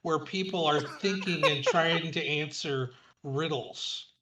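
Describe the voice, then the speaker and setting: A man running a tabletop role-play as game master, asking quick probing questions. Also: a little high, echoey room, noisy background.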